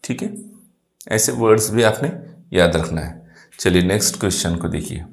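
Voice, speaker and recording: A man's voice: deep voice, moderate pace, vocal fry. A man teaching an exam-prep lesson, explaining English words in Hindi and quizzing his pupils. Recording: echoey room.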